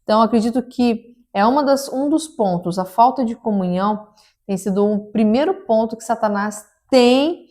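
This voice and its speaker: A woman's voice: on the high side, warm tone. Earnest woman in faith chat. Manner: earnest, preachy, halting with restarts. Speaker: podcast co-host.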